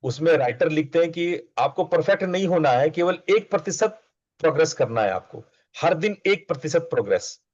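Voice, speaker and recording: A man's voice: fairly high pitch, animated, moderate pace, a little mellow, muffled recording. A man speaking as a spiritual teacher, giving a conversational, coaxing discourse and repeating phrases for emphasis.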